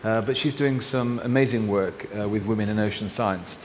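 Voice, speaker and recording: A man moderating a panel discussion, relaying an absent speaker's points and handing over to panelists in a relaxed way. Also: on the low side, normal speed. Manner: relaxed, with fillers, relays comments and hands over questions. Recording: reverberant hall with faint noise.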